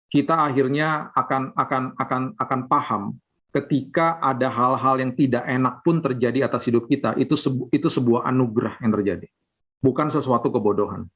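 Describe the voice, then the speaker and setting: A man pastor preaching casually over a video call, rising in pitch when he acts out people's complaints. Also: fairly bright tone. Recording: dull lo-fi video call audio.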